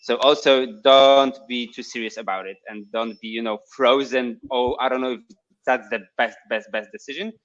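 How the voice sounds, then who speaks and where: A man joins a webinar as a guest over a video call. His audio comes through dull and slightly lo-fi. He speaks hesitantly, pausing with fillers as he looks for words. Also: mid-range voice, fairly even intonation, a bit bright. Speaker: guest entrepreneur. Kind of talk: casual advice on a video call.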